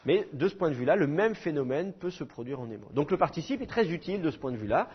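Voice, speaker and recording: A man's voice: fairly high pitch, very animated, fast, slightly rough, lo-fi sound. A man teaching a class, explaining patiently and repeating key points with fillers. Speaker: Hebrew teacher. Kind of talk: classroom lecture.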